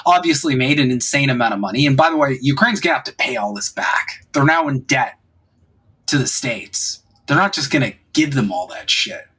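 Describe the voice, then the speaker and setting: A man with a husky, slightly breathy voice talks politics on a podcast. He speaks casually, swears freely and leans hard on his points. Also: medium pitch, fairly bright tone. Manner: profane, emphatic, opinionated. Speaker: podcast host.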